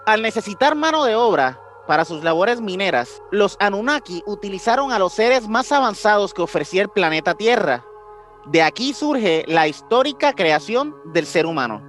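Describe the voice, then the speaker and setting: Big pitch swings mark this man's high, fairly bright voice, delivered at a normal speed. He's a podcast host with a Puerto Rican accent who explains things informally with slang and repeated phrases, over background music.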